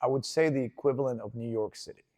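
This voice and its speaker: A man's voice: mid-range voice, quick pace. A man in his forties, originally from Venezuela, talks through his childhood in a loose, rambling interview style. He keeps circling back with fillers and restarts, easygoing rather than polished. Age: 40s. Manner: relaxed, rambling storytelling with frequent fillers and restarts. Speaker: jiu-jitsu instructor, guest. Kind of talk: casual interview.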